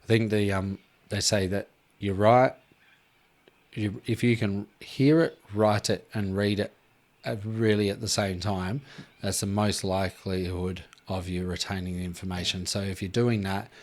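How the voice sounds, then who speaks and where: A man, hosting a casual podcast chat in a relaxed, rambling way with lots of fillers. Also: fairly low pitch, measured pace. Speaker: podcast host.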